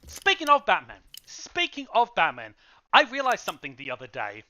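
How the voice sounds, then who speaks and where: A man co-hosting a podcast, in casual chat, talking in emphatic, animated bursts. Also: high voice, moderate pace. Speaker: podcast co-host. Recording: dull lo-fi audio.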